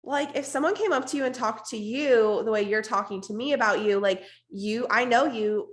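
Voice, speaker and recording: A woman with a hoarse, raspy, strained voice gives an informal, emphatic, unscripted motivational team talk on a video call. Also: on the high side, moderate pace. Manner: informal, emphatic, repeats for stress, blunt. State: hoarse, losing her voice, coughing now and then. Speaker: network marketing team leader hosting an online meeting.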